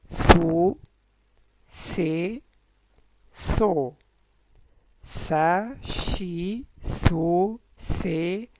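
A man's voice: a little high, a little hiss or hum, low-quality recording. Patient Egyptian man teaching. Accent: Egyptian Arabic. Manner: patient, repeats syllables aloud and slowly spells out words. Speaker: language teacher. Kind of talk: online language lesson.

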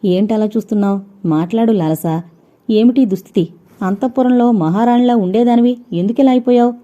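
A woman voicing an earnest, concerned young man who asks gentle, pleading questions, in an audio novel. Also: medium pitch, normal speed, close to an everyday voice. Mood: tender. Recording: dull lo-fi recording.

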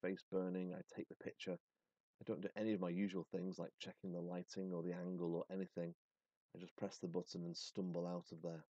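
A man's voice: low voice, little pitch movement, fairly quick, warm tone, dry recording, dull audio. A male teacher reading a story aloud expressively, then setting a task casually with fillers.

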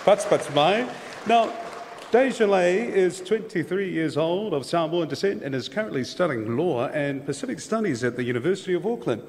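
A man's voice: fairly high pitch, animated, a little fast, a little mellow, a faint crowd, slight background noise. A man hosting an awards ceremony with an upbeat, jokey announcing style. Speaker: emcee. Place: large hall on stage. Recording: long hall reverb.

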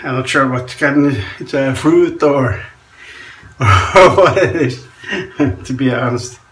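Filmed at close range by a camera in front of him, this shaving vlogger from Norway takes his time talking as he shaves in a small tiled bathroom. He's in his forties, has a Norwegian accent and a medium-pitched, fairly bright voice, and chuckles frequently; slight background noise is audible.

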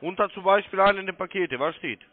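Talking fast in a high voice, a male sales agent at a call centre repeats his step-by-step telephone instructions insistently. The sound comes through a muffled, narrow-band phone line.

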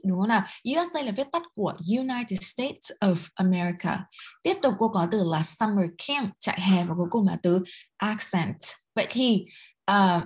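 A woman's voice: medium pitch, darkish tone. Vietnamese-accented woman teaching English. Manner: reads English slowly, explains quickly in Vietnamese; asks the class questions. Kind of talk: explaining a textbook lesson.

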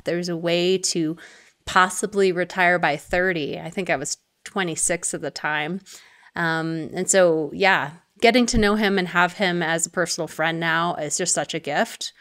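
Casting: woman in her 30s, podcast co-host, earnest and enthusiastic, slightly low voice. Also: fairly bright tone. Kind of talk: casual podcast chat.

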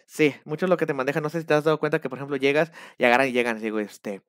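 A man with a Mexican accent talking casually on a live stream, rambling and animated. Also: mid-range voice, racing, smooth, no echo, studio quality. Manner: rambling, animated, acts out shouted quotes.

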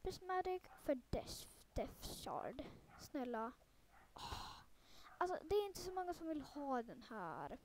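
A young female creator chatting casually through her gameplay in a rambling way, full of fillers, who gets excitable and panicky when the action picks up. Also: high-pitched, a little hiss or hum. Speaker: gaming video creator. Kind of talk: casual let's-play commentary.

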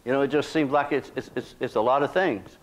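A man's voice: medium pitch, brisk. A middle-aged man, preaching a sermon in a small church in a folksy, conversational way. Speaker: pastor. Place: small church sanctuary, indoors.

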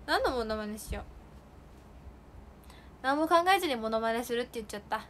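A woman's voice: on the high side, lively intonation, a little fast, a bit bright, a little hiss or hum. A young woman chatting casually with viewers on a solo livestream, bubbly and giggly, indoors while heavy rain falls outside. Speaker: idol livestream host. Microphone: phone or streaming mic.

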